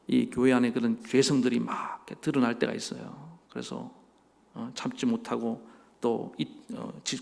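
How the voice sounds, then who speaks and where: Gravelly-voiced male pastor preaching in church. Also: mid-range voice, a little mellow. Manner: preaching with rhetorical questions to the congregation. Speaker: senior pastor. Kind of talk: sermon. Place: church sanctuary. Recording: long reverb of a church hall.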